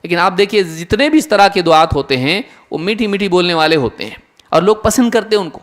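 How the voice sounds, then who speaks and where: In a lecture hall, a male Islamic lecturer addresses his audience earnestly in a high-pitched voice with lively intonation. He asks many rhetorical questions and mimics imagined listeners.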